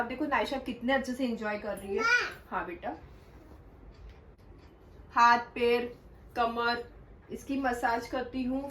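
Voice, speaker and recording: Faint hum and a roomy echo surround a young woman's fairly high, somewhat bright voice as she chats casually to camera. This vlogger talks directly to her viewers, positioned a bit away from the mic.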